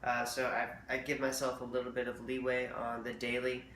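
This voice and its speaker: Man, casual diet vlogger, rambling and chatty, bright edge, roomy distant sound with faint ambience. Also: medium pitch, completely flat delivery, fairly quick, slight background noise. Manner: rambling, chatty, fillers and restarts. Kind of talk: casual diet update vlog.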